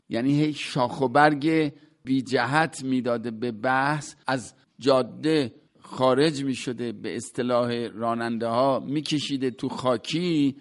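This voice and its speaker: A man teaching classical poetry in a conversational lecture, reciting verse lines and then glossing each word in plain everyday speech. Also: mid-range voice.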